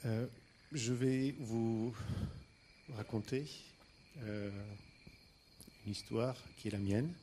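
A man from Istanbul telling his own life story on stage, hesitant with many pauses and fillers. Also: medium pitch, dark tone, a little hiss or hum. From Istanbul, Turkey. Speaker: guest speaker.

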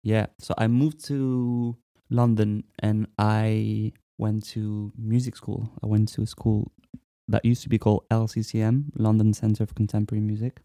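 A man in his twenties from France, a musician talking casually in an interview, relaxed and hesitant with many fillers. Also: fairly low pitch, normal speed, no echo, studio quality. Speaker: musician guest.

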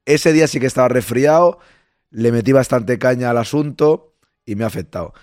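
A man, hoarse and losing his voice, hosting a live-stream podcast and chatting casually, greeting listeners and reading their messages aloud. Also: medium pitch, fairly quick, darkish tone, no room sound, studio quality.

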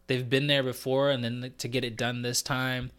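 A man co-hosting a sports podcast, chatting in a loose, rambling way full of fillers and quick laughs. His voice sits at a middling male pitch. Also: level tone, a bit bright, clean tone. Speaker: podcast co-host. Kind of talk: casual sports chat.

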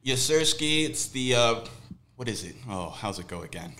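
A man's voice: mid-range voice, very animated, normal speed, noisy background. A young man who produces the podcast, chatting casually in a playful, hyped-up and joking way.

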